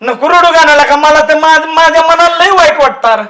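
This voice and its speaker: High-voiced older man, fussy and scolding. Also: fairly quick, bright, forceful tone. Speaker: elder relative. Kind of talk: scripted comedy sketch. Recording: roomy echo.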